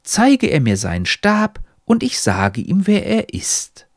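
A man's voice: high voice, wildly swooping pitch, slow pace, dry recording, studio quality, voice pushed up, exaggerated voice. A man doing a pompous talking magic hat. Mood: lecturing. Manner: stilted, lecturing, old-fashioned address.

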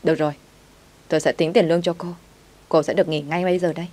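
A woman's voice: low voice, fairly even intonation, quick pace, mellow, lightly acted. Woman doing a scolding restaurant boss man. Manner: barking, scolding. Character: angry middle-aged male restaurant owner.

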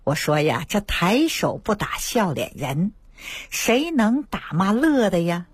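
A woman traditional Chinese medicine doctor, giving a lively radio health talk and acting out her patients' words. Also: mid-range voice, takes it slowly, husky, no echo. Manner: lively storytelling, acts out patients' quoted words. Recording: dry radio studio.

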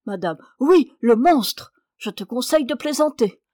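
A woman's voice: sits high, animated, moderate pace, a little mellow, dry recording, studio quality. A woman reading aloud, voicing an imperious, impatient young wife who scolds sharply. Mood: furious. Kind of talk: audiobook character reading.

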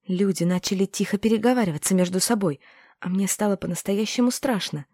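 A woman narrating a fantasy audiobook in the first person, in an even, measured way. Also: mid-range voice, no echo, studio quality. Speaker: audiobook reader.

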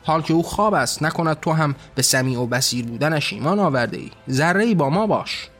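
An irreverent angel grumbles and mocks in a sarcastic tone, as a man voices him. The voice sits somewhat high, over quiet background music. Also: animated. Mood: mocking. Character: mocking irreverent male angel.

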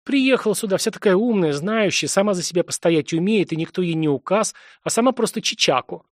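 A man's voice: high voice, lively intonation, a little fast, dry recording, studio quality, voice pushed up. A man reading the part of a sulky, mischievous young granddaughter who pouts and hisses defensively. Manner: pouting, defensive, hissing.

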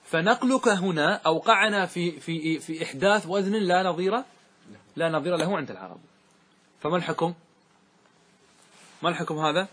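Male grammar teacher, slightly high, husky voice, recites verse and answers his own questions. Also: fairly bright tone. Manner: asks the class questions and answers them himself, recites verse slowly. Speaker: sheikh teaching Arabic grammar. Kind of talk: classroom lesson on a grammar poem.

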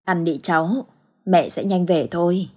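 A woman voicing a frail, gentle elderly grandmother in an audio ghost story, with soft, halting speech and a husky voice. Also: on the low side. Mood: soothing.

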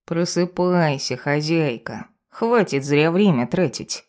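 Slow and expressive, with a medium, slightly mellow voice, an audiobook reader plays a pompous male cat familiar. The character is bossy, grumbling and lecturing his mistress.

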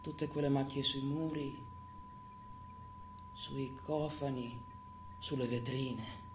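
In a radio stage drama, a male actor delivers a theatrical monologue as a tormented, volatile criminal who taunts and curses himself, foul-mouthed and swinging between mutters and outbursts. His mid-range voice is slow and steady, with a brooding, solemn mood. The recording has a roomy echo and faint background noise.

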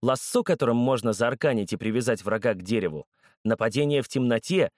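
A man narrating a children's story in an expressive, animated way. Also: medium pitch, a little fast, no room sound, clean studio sound.

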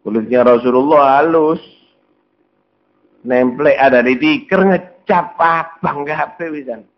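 A man's voice: on the high side, unhurried. A man preaching a storytelling sermon, slipping into dialogue as he retells a scene. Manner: storytelling sermon, mixing Javanese words into Indonesian, acting out dialogue. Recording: dull lo-fi recording.

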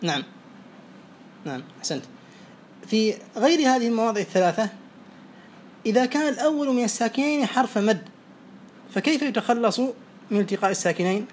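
Brisk male teacher quizzing students. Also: high voice, animated. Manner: brisk, praises each answer. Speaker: teacher of Arabic morphology. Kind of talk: oral quiz lesson. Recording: faint background noise.

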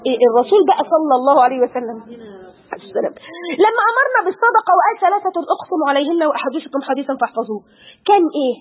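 A middle-aged woman with an Egyptian Arabic accent giving an Islamic lesson, fervent and full of pious exclamations. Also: high voice. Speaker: religious teacher. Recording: tinny phone-like audio.

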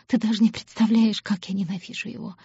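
A woman voicing a defiant, sharp-tongued young captive woman in an audiobook. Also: medium pitch, fairly even intonation, fast, husky, dry recording, highs cut off. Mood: furious. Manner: blunt, scornful.

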